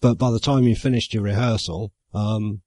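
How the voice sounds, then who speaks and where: A man, musing aloud in a relaxed, rambling way about acting, often stopping to correct himself and adding wry asides. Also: fairly low pitch, normal speed, no echo, studio quality. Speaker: amateur actor. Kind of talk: casual reflective monologue.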